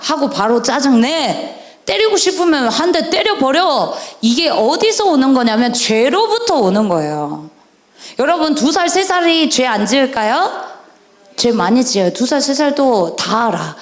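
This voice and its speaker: A woman evangelist preaching a sermon to children at a church camp service, animated and constantly questioning her listeners. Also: high voice. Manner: animated, questioning the audience, drawn-out stressed endings. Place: church sanctuary. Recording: echoey church hall.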